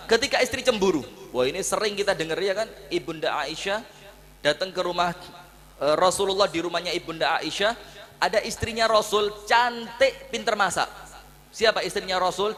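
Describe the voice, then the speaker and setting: A man with a high voice and a Javanese-tinged Indonesian accent delivers a humorous sermon. He tells stories in a lively way, acting out each person's lines and slipping in jokes. His voice rings with the long reverb of a hall. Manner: animated storytelling, acting out dialogue with jokes. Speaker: preacher.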